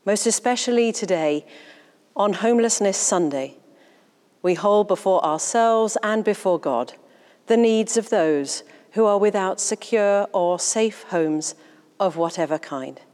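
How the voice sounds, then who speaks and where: A woman priest leading a church service with a measured, formal delivery, her voice ringing in a long church echo. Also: medium pitch, a little mellow. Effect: long church echo around the voice. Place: large church interior. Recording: reverberant church hall sound.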